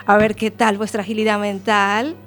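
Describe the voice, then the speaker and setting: A woman with a Venezuelan accent hosting a casual radio word game, playful and teasing, quick to laugh. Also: mid-range voice, little pitch movement, a bit bright, soft background music.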